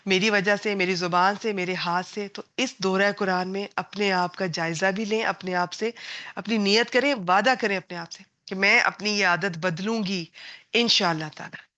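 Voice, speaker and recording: A woman teaching a Quran lesson to women, gentle and earnest as she gives advice. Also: medium pitch, steady tone.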